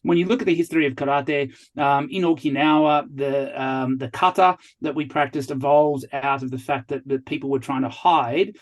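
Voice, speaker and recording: A man's voice: medium pitch, moderate pace, few pauses. A man hosting a podcast who asks casual interview questions in a hesitant way with many fillers. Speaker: podcast host.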